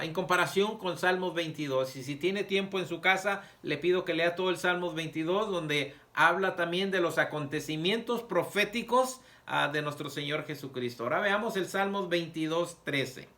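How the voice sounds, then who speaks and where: Bright-voiced male pastor preaching. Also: a little high. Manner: reads scripture aloud with emphatic pauses and fillers; poses rhetorical questions to the congregation. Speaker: pastor teaching a Sabbath school lesson. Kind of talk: sermon.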